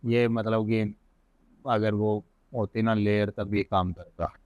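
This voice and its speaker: A man with an Indian accent teaching software in a casual screen-recorded tutorial, thinking aloud and correcting himself as he goes. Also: lowish voice, level tone, takes it slowly, smooth, no echo. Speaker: software instructor.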